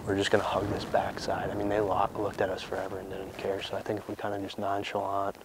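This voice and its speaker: A man's voice: deep voice, monotone, fast talker, noisy background. A man talking casually outdoors as a bowhunter on a hunt, informal and thinking aloud. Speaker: bowhunter filming his hunt. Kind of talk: casual unscripted hunting chat. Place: outdoors in open hilly country.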